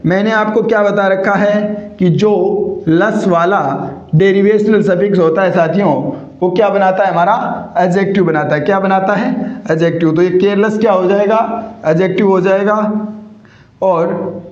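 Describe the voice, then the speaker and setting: A man's voice: sits high, fairly even intonation, moderate pace, a little mellow. A male teacher with a Hindi accent gives a vocabulary lesson, asking rhetorical questions, answering them himself and repeating each word. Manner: keeps addressing listeners as "companions". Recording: echoey, dull lo-fi room recording.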